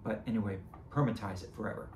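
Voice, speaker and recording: Talking quickly in a lowish, darkish voice that keeps cracking as it gives out, a man who makes and sells animatronic band items rambles through an unboxing vlog. He chuckles and corrects himself along the way; the room is echoey, with slight hiss or hum.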